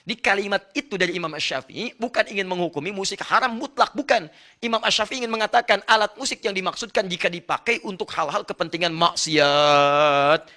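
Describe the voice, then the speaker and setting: A male preacher lectures with bright, forceful energy and a rather high voice. He explains point by point and turns often to address his listeners directly. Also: fairly quick. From Indonesia. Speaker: Islamic preacher. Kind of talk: religious lecture.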